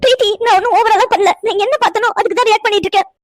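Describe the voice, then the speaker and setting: A woman's voice: very high voice, rapid-fire, no room sound, clean studio sound. A woman voicing a young cartoon woman who is hurt and angry with her lover, pressing him with accusing questions. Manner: accusing, tearful, insistent questions. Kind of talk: cartoon voice acting.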